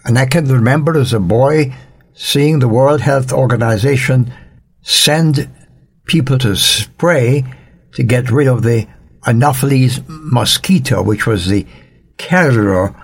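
An older man from Jamaica, giving gentle devotional counsel as a radio Bible teacher, earnest and fatherly with a touch of dry humor. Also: mid-range voice, slow, husky.

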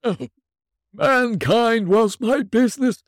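A chained, mournful ghost. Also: male voice, no room sound, studio quality, full character voice. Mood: anguished. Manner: slow, mournful, booming declamation. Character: wailing male ghost of an old businessman, chained and tormented. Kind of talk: storybook reading.

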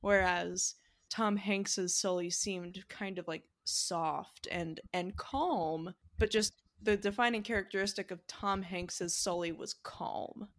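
A woman hosts a laid-back podcast, her voice at a middle pitch. She talks in a chatty, easygoing way, with frequent likes and ums. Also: steady tone, slow. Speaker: podcast host. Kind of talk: casual podcast chat.

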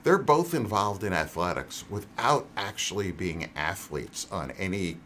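A man's voice: deep voice, fairly bright tone, a little hiss or hum. A man in his sixties hosting a podcast interview, reading a scripted intro and then teasing his guests playfully. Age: 60s. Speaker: podcast host.

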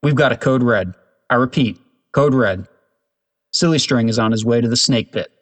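A man voicing a brisk female school office worker speaking in clipped radio code. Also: medium pitch, lightly acted. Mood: urgent.

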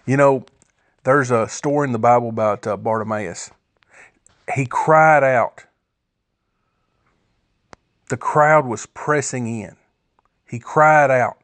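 A man's voice: mid-range voice, takes it slowly, pauses often, fairly bright tone, no echo. A man giving an earnest, informal devotional talk, rambling and correcting himself as he shares his notes. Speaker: podcast host sharing devotional notes.

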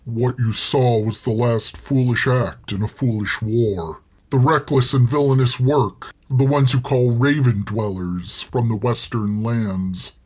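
A man voicing a huge ancient male dragon who speaks in a deep, slow, measured rumble. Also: husky. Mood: grave.

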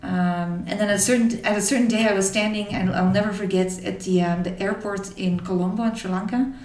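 A woman in her forties from Belgium, telling her life story to an interviewer in a thoughtful way, with many pauses and restarts. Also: medium pitch, steady tone, darkish tone, reverberant, distant mic. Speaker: interview guest. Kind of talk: reflective personal storytelling.

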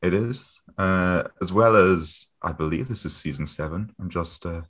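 A man's voice: deep voice, moderate pace, fairly bright tone. A man who is a guest on a podcast, chatting casually and laughing often. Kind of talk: casual chat.

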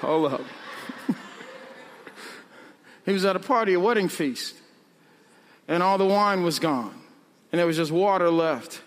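A pastor preaching a humorous, conversational sermon, slowing down and building to shouts on key points. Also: male voice, sits high, big-room sound.

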